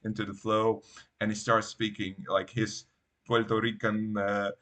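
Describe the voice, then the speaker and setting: A man's voice: fairly low pitch, level tone, unhurried, bright, forceful tone. Hesitant man, native Spanish speaker. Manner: hesitant, repeats words. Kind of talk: casual bilingual conversation.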